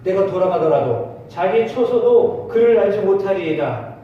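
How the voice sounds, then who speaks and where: A man preaching a midweek sermon, speaking out a lament with swelling emotion and then explaining it to the congregation. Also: normal speed. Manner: expressive preaching, voicing the speaker's laments with rising pitch. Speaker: pastor. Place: church sanctuary. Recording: echoey hall, distant mic, dull sound, faint noise.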